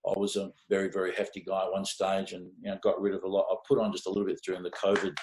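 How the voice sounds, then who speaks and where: A man's voice: sits low, monotone, racing, a little mellow. An Australian man in his fifties, a podcast guest telling stories in a rambling, hesitant way, with lots of fillers and casual swearing. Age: 50s. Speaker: podcast guest, music mastering engineer. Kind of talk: casual conversational interview. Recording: echoey room sound.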